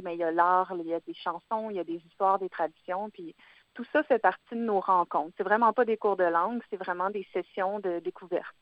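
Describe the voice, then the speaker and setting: A woman's voice: fairly low pitch, no echo, muffled recording. A woman with a Quebec French accent, a guest speaking in a radio interview, hesitant, with many fillers and restarts. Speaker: guest, founder and director of a cultural organization.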